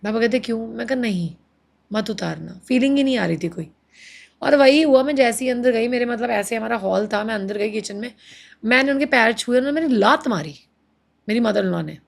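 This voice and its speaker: High-pitched woman telling her story. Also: a little fast, vocal fry. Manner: animated, mixes Hindi and English, quotes others in acted voices. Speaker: guest. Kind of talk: emotional interview storytelling.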